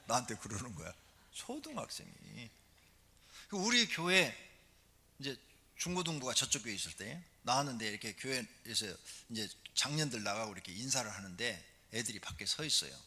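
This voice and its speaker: A middle-aged male pastor giving a lively, conversational sermon in church, full of rhetorical questions. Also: mid-range voice, normal speed, slightly rough. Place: church sanctuary.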